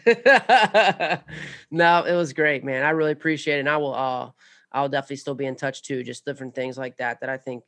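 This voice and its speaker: A man's voice: medium pitch, flat delivery, fast talker, fairly bright tone. A man hosting a casual interview, friendly and laid-back, dropping "man" and "dude" often. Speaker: podcast host.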